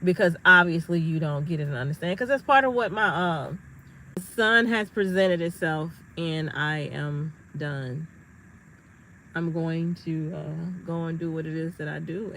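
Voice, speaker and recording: Emphatic middle-aged woman vlogger, bright forceful voice, faint hiss behind; casual spoken monologue. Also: low voice, poor audio. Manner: emphatic, animated storytelling. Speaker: astrology vlogger.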